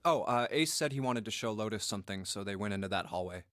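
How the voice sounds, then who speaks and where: A man's voice: on the low side, expressive, fast, fairly bright tone, dry recording. A man voicing a panicked young man. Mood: uneasy. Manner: voices lines with dramatic reactions. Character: panicked young man caught in a deadly game.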